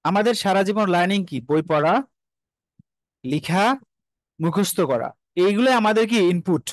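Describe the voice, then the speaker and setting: A man with a fairly high voice teaches an online class over a video call, firing rhetorical questions at his students. He slips English phrases into his talk. The sound is close and dry. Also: no echo. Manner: mixes English phrases into Bengali.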